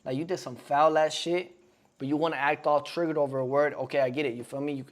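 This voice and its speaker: Talking fast with a steady tone and a voice on the high side, a streamer in his 20s reacts to a podcast clip. He rambles in slangy, casual commentary, constantly checking in with chat by asking "you feel me."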